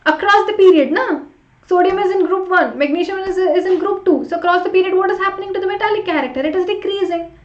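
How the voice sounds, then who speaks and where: A woman's voice: extremely high pitch, fast, a little hiss or hum. A woman teaching an interactive live online class, chatting with students and urging them along with short repeated prompts. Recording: roomy echo, slightly dull sound.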